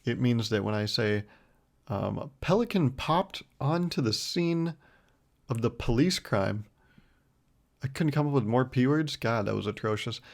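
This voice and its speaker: A young man in his twenties hosts his own podcast, chatting in a loose, rambling, self-deprecating way. His voice has a gravelly, fry-heavy edge at a middle pitch. He talks close into a mic with a foam windscreen. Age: 20s. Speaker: podcast host. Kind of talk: casual solo podcast chat.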